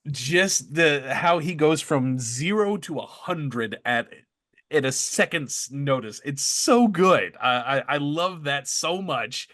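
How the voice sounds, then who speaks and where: A man's voice: fairly high pitch, lively intonation, slow, fairly bright tone, dry recording, studio quality. Jokey man on a cartoon podcast. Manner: jokey, stumbles over names. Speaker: podcast co-host. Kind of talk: casual chat. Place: studio.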